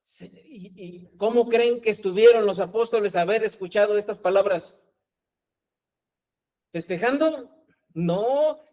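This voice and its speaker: A man's voice: high-pitched, a little slow, darkish tone, rough recording. A man preaching a sermon as pastor, talking conversationally and often asking his congregation rhetorical questions.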